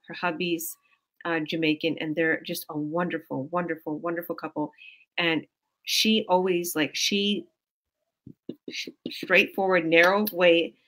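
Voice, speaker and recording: A woman coach, recorded roughly via webcam, hosts a team video call from a small room at home. With a lowish, fairly bright voice, she gives a casual motivational chat, rambling effusively and often starting over.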